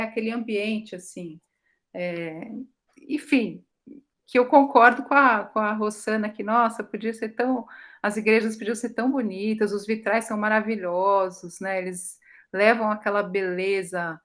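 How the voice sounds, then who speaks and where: A woman taking part in a study group, talking in an expressive, chatty way with lively swings in her voice. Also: a little high.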